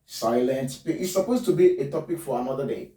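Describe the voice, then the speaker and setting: Male phonetics teacher, deliberate drill-like delivery, dark timbre, echoey room. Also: medium pitch. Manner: spells words letter by letter, repeats them slowly. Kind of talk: pronunciation lesson. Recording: roomy, distant mic.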